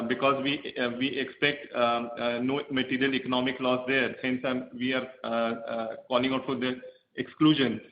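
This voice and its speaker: A male bank executive on speakerphone, answering analysts in a conference call with measured speech and many fillers as he restarts his sentences. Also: medium pitch. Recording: echoey, dull speakerphone audio with faint hiss.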